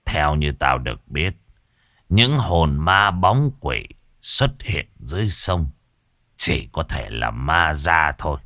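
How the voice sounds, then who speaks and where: Man doing a gruff old exorcist, greedy, smug, very low slow growl, dry close sound. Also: big pitch swings, bright, forceful tone, no room sound, full character voice. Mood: menacing, smug.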